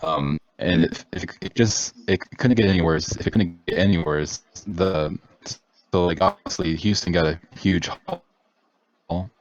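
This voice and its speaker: A man's voice: sits low, measured pace. Glitchy robotic man on a bad call. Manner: hesitant, full of restarts. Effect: glitchy, robotic breakup from a bad internet call. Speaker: podcast co-host. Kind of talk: casual sports chat. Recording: dull lo-fi online call audio.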